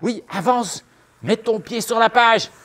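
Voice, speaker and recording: A woman playing a brave, excitable little girl knight-errant in a theatrical children's storytime, animated and exclamatory. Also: on the high side, takes it slowly. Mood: excited. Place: live storytime stage.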